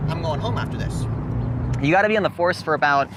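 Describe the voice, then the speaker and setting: A man's voice: fairly high pitch, quick pace, lightly acted. A young man playing a pompous, self-important site captain who rambles on about his job, outdoors at a roadside site. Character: pompous male site captain, proud of cones. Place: outdoor construction site by a road. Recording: traffic noise outdoors.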